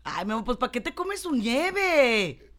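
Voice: mid-range voice, sing-song, unhurried, a bit bright. Mexican-accented co-host, teasing, chatty, playful. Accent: Mexican Spanish. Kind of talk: casual chat.

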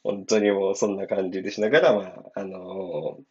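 A man with a Kansai accent chats alone on his podcast in a lowish voice that still sounds half awake. He rambles, apologizes and chuckles, and the recording comes through slightly muffled. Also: little pitch movement, a little fast, darkish tone. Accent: Kansai Japanese. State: voice not fully awake, low and subdued. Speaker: podcast host and shop owner. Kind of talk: casual solo podcast chat.

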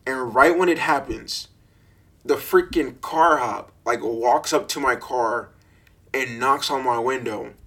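A young man hosting a casual podcast solo talks at a slow pace in his deep voice. His storytelling is rambling and animated, full of laughter and fillers, recorded through a budget mic with a sock pop filter.

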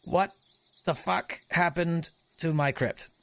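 Man playing a pompous scheming lord, raised pitch, swooping, faint noise. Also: takes it slowly, creaky.

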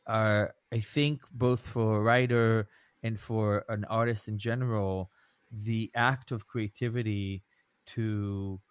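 An American man hosting a conversational podcast, speaking haltingly and circling his points with frequent little tag words. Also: fairly low pitch, steady tone, smooth, no echo. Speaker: host, rabbi.

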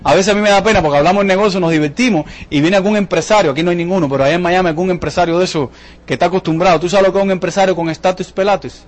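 A man giving a lively motivational sales talk to a live audience, joking and asking the crowd questions. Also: sits high, very fast. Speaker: business presenter at a sales seminar.

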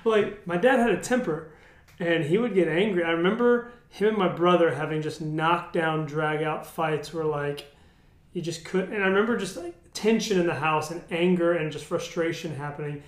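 A man's voice: fairly high pitch, normal speed, roomy sound. A man in his thirties co-hosting a casual faith discussion, candid and self-deprecating, with many restarts. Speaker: podcast co-host.

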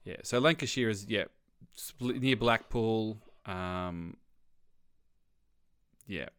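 A man's voice: fairly low pitch, slow, fairly bright tone, clear, resonant tone, dry recording, studio quality. A man co-hosting a podcast, rambling casually with restarts and chuckles. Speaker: podcast co-host. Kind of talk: casual comedic chat.

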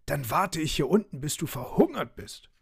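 A man voicing a big, boastful, hungry wild dog in a bedtime storybook reading, gruff and menacing. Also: lowish voice, lively intonation, unhurried, a little mellow, dry recording, studio quality. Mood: growling.

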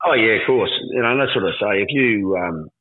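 A livestock agent talks through the market on the radio as a guest, relaxed and slangy, his rural Australian drawl laconic and unmistakably outback. The low voice is expressive and moves a touch quickly, carried over a roomy line that sounds like a phone.

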